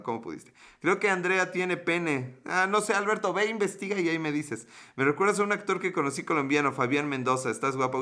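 A man's voice: fairly high pitch, sharp tone. A man in his thirties with a Mexican Spanish accent, hosting a casual livestream, telling a story and joking with viewers' comments in a playful, chatty way. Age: 30s. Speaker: livestream host.

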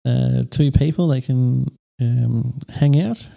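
A man, co-hosting a casual podcast in a small studio on a proper microphone, relaxed and hesitant, with many fillers. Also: mid-range voice, takes it slowly, gravelly. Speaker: podcast co-host.

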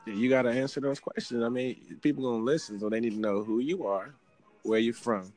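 A man, hosting a casual call in a relaxed, teasing, slangy way. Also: mid-range voice, brisk, soft background music. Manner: laid-back, teasing, slangy. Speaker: radio-style host. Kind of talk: casual phone call banter.

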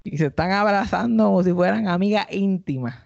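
A man's voice: brisk, gravelly, no echo. A man with a Puerto Rican accent, a podcast host and stand-up comedian, telling a story in casual comic style and acting out the people in it. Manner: animated, acts out quoted people in high voices. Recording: dry, slightly dull podcast audio.

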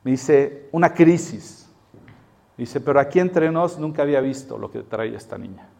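A man preaching a sermon, telling a story in an animated way and acting out the voices he quotes. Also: medium pitch, normal speed, gravelly.

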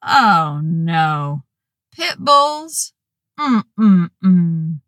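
A disapproving female emergency dispatcher with a deep, resonant drawl, tutting at the caller from a storybook telling, as a woman puts her on. The recording is close and dry, with no room sound. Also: big pitch swings, drawn-out words, a bit bright, no room sound, heavily acted.

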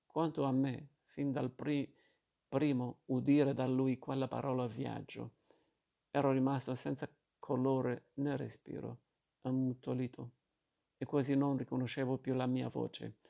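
A man reading a novel aloud in a slow, measured way, with a few restarts. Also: medium pitch, level tone, gravelly, lo-fi sound. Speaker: reader.

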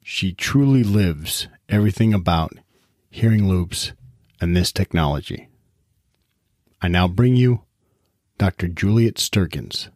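A man's voice: low-pitched, animated, measured pace, pauses often, a little mellow, dry recording, studio quality. A man from Chicago hosting an interview, talking in a chatty, rambling way with friendly asides. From Chicago, United States. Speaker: podcast host. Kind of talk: casual interview chat.

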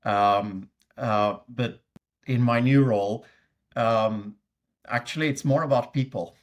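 A middle-aged man from Sweden, speaking with a Swedish accent at a slow pace and medium pitch, is interviewed in a conversational setting. His answers are hesitant, marked by fillers and frequent restarts.

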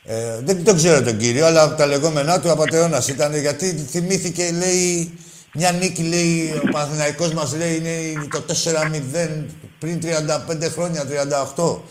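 A man's voice: a little high, fairly even intonation, slight background noise. A man hosting a sports phone-in, chatting informally and bluntly in an exasperated way, often repeating himself. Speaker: sports phone-in show host. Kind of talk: casual sports banter with a caller.

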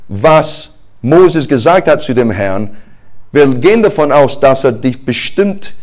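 Animated male pastor preaching. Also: medium pitch, slow pace. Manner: conversational, animated preaching with restarts. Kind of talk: sermon.

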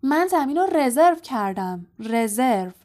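A woman voicing a hot-tempered teenage boy captain who talks loud, quick and bossy. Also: fairly high pitch, vocal fry. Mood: angry.

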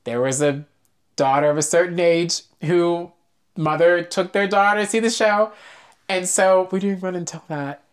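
A man from Pittsburgh, a singer and vocal teacher, telling stories in a lively, self-interrupting way as a podcast guest. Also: high voice, clean tone. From Pittsburgh, Pennsylvania. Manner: animated, self-interrupting, quick restarts. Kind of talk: casual conversational storytelling.

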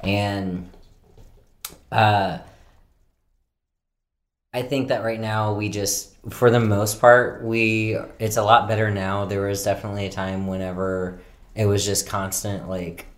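This is a young man co-hosting a casual podcast, his voice sitting a little low. He rambles through stories with lots of fillers and breaks into laughter along the way. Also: little pitch movement, takes it slowly, pauses often. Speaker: podcast co-host. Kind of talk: casual chat.

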